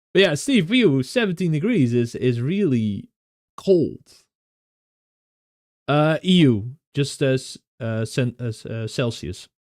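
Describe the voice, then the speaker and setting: A man's voice: mid-range voice, big pitch swings, slow, long pauses, darkish tone, no echo, clean studio sound. A young Dutch man with a Dutch accent, chatting casually with viewers, often laughing and restarting his sentences. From Netherlands. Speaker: streamer.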